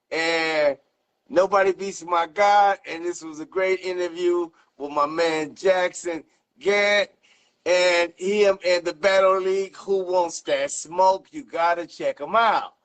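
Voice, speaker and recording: The host, a South Central Los Angeles man in his 50s, runs the interview as a casual, slangy chat with profanity thrown in. He talks slowly in a high, slightly bright voice.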